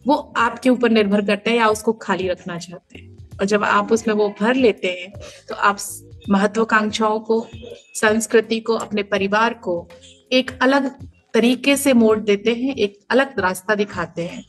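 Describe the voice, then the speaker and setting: A woman's voice: mid-range voice, measured pace, faint music behind. A woman in her thirties, a mother and podcast guest, giving earnest, emphatic advice and explaining it through everyday comparisons. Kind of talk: podcast interview answers.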